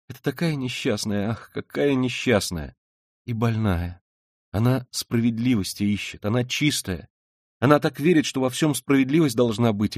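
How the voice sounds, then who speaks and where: A man reading an audiobook, voicing a timid, pious young woman who talks in a hurried, pleading way. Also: mid-range voice, a little mellow, no echo, studio quality, voice pushed up, close to an everyday voice. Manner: hurried, breathless, rising into agitated pleading.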